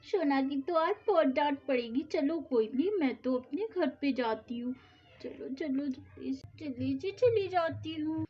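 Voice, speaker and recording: A woman doing a lisping, high little girl. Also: expressive, a little slow. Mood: worried. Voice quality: childlike lisp. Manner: whiny, pleading. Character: little girl Sona, timid, pleading, easily scolded. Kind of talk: storybook doll-play acting. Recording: dull lo-fi sound.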